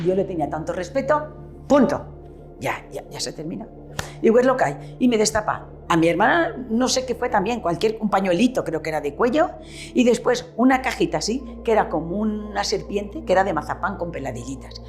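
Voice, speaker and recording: A woman's voice: mid-range voice, a little fast, faint music behind. A woman in her seventies with a Valencian-tinged Spanish accent, reminiscing in an interview about her family's shop and acting out the dialogue she remembers. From Petrer, eastern Spain. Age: 70s. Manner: animated storyteller who acts out remembered dialogue. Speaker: retired shopkeeper.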